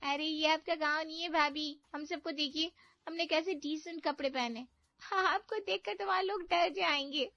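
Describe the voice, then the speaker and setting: A woman's voice: high-pitched, normal speed, no room sound. A woman playing a sarcastic young unmarried sister-in-law who mocks her brother's wife. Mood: snippy. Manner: sarcastic, mocking. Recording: dry, muffled, faint background music.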